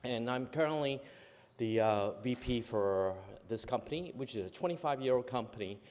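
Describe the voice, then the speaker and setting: A man's voice: medium pitch, lively intonation, normal speed, darkish tone. Man from Hong Kong presenting in a hall. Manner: hesitant, many fillers and self-corrections. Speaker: conference speaker, company executive. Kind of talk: conference presentation. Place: large conference hall. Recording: long hall reverb from a conference venue.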